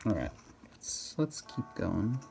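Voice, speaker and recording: A man's voice: on the low side, sing-song, slow, gravelly, dark tone, faint music behind. A man giving casual, rambling game commentary, thinking aloud and often questioning himself in a hesitant way. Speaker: gamer narrating own gameplay.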